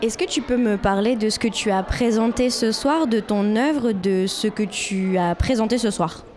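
A woman reporter interviewing participants, asking her questions gently with some hesitation. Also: mid-range voice, moderate pace.

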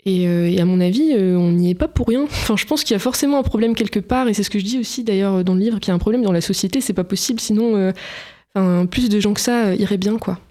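A woman's voice: mid-range voice, quick pace, warm tone. Hesitant young woman author. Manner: hesitant, many fillers and restarts. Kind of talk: casual interview answers.

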